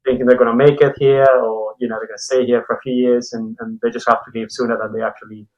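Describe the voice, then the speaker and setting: A fast-talking Colombian guest on a podcast, a tattoo and comic artist, speaks through a mask in a level, medium-pitched voice. The recording is muffled, and he chats casually, telling anecdotes with small hedges.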